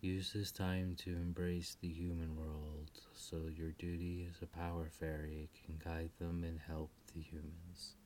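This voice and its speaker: Storybook fairy queen and mother, regal yet tender, low and breathy near-whisper, voiced by a woman. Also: measured pace, a little hiss or hum. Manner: soft, comforting, near-whispered.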